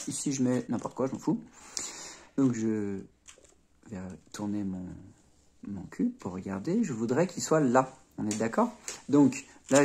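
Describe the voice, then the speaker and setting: A man's voice: medium pitch, mellow, slight background noise. A man teaching a puzzle-solving tutorial in a casual, chatty way, often checking in with the viewer and marking each move with little sounds like "hop" and "tac". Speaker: Rubik's cube tutor.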